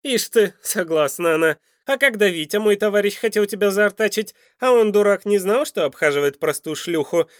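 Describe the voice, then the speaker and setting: A cruel, lecherous crime boss barks and jeers in a raised, lively voice, as a male audiobook reader acts him out. The sound is dry and close, with no room around it. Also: high voice, fairly quick, few pauses, dry recording, pitched above the performer's own voice. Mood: sneering. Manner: sneering, loud, scornful.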